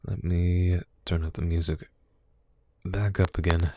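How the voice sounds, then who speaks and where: A man's voice: low-pitched, flat delivery, a little slow, mellow, no room sound. A man reading a jaded, bitter woman cop. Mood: weary. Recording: music playing behind.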